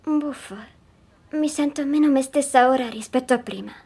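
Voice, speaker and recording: An actress playing a young girl who calmly and quietly recounts a strange dream in an audio drama. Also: high voice, normal speed. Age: child figure. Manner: calm, hushed storytelling.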